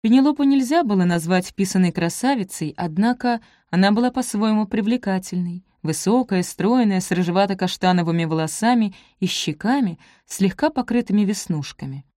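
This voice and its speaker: A woman narrating a novel in an even, measured reading. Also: medium pitch, dry recording, studio quality. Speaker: audiobook narrator. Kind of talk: scripted narration.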